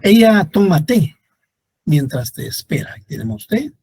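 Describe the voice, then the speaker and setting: A male teacher lecturing a class on grammar, his voice mellow and a little husky. He reads example words one by one at an unhurried pace. The sound is close and dry. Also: a little high, sing-song, dry recording. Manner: slow, deliberate reading of example words; addresses students directly.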